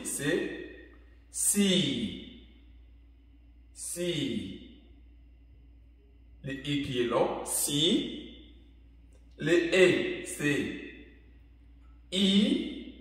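Man, language teacher, careful letter repetition, slightly raised pitch, roomy recording with long reverb. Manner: repeats each letter slowly and carefully. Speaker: English teacher. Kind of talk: language lesson. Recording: echoey room with long reverb.

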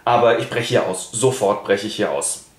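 A man voicing a defiant teenage schoolboy with quick, cheeky retorts. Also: on the low side, lightly acted. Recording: roomy echo.

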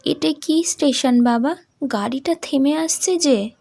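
A feverish seventeen-year-old girl from a storybook, her voice lifted high and childlike. She coaxes and pleads softly, as a woman acts her out. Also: measured pace, creaky. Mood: weary.

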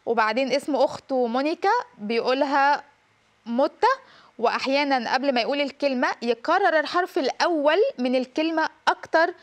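A woman with an Egyptian accent hosting a TV talk show, asking questions and reading out viewer messages. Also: high-pitched. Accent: Egyptian Arabic. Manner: brisk, reads out viewer messages.

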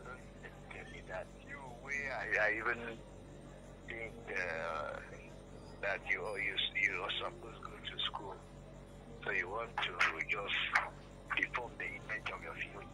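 A man's voice: fairly low pitch, unhurried, rough recording. A middle-aged man, a parent heard over speakerphone, questioning and admonishing. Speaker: father on a phone call. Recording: speakerphone call under music. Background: music.

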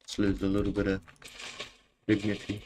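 A man's voice: on the low side, completely flat delivery, moderate pace, a little mellow. A young man with a broad New Zealand accent chatting casually on a gaming livestream in a laid-back, rambling, slangy way. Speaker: game streamer. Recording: clear background noise, keyboard and mouse clicks. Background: keyboard typing and clicks.

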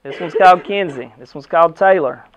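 A crowd can be heard behind a middle-aged American basketball coach as he gives a locker-room pep speech of short, emphatic phrases and rhetorical questions. He talks a little fast in a voice on the high side. The recording, from a camera a few metres away in the indoor locker room, has its highs cut off.

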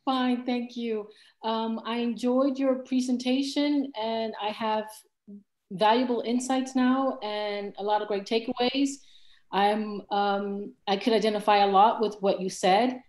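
A woman from Cuba, raised in Miami, asking a guest speaker a question on a video call, hesitant with many pauses. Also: fairly high pitch, fairly even intonation, darkish tone. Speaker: student, lecture attendee. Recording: roomy video call audio.

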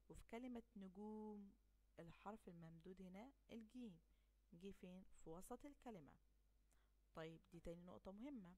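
Woman teacher, Egyptian accent, lesson for kids, drawn-out example words, mid-pitched voice. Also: a little mellow. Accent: Egyptian Arabic. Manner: stretches out example words slowly and clearly; asks questions and answers them herself. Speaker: primary school teacher. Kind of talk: recorded classroom lesson.

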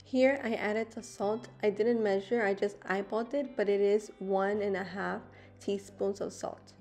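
A woman's voice: medium pitch, fairly even intonation, measured pace. A young woman vlogger narrating a recipe voice-over, explaining each step plainly. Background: guitar music.

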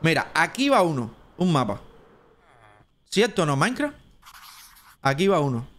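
A man with a Cuban Spanish accent talks his way through a live gameplay stream, thinking aloud and chatting to his viewers. His voice sits somewhat high for a man, and now and then he jumps up into a squeaky put-on tone. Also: sing-song, normal speed, a bit bright. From Cuba.

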